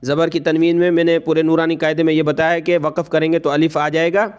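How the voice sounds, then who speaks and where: A man with a Pakistani Urdu accent teaching Quran reading, drawing out each recited word slowly and breaking it into letters and vowel marks, with quicker spoken explanations in between. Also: on the high side, monotone, darkish tone, smooth, soft background music. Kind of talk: spelled-out recitation lesson.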